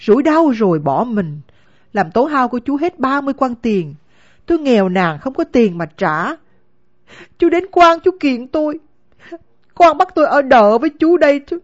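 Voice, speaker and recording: A woman's voice: sits high, very animated, moderate pace. A woman voicing a poor but proud young female servant in an audiobook, speaking firmly and indignantly, in a dull, lo-fi recording. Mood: explaining. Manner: firm, indignant. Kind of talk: audiobook character acting.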